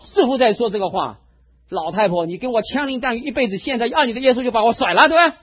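A preacher acting out the angry retorts of a gruff old army commander, in a dull lo-fi recording. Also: male voice, very high voice, lively intonation, fast, voice pushed up, full character voice.

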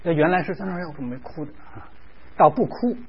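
A man's voice: fairly high pitch, quick pace, slightly rough. A man preaching a sermon, telling a story with animation, acting out quoted voices, and dropping in English words. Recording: dull lo-fi recording.

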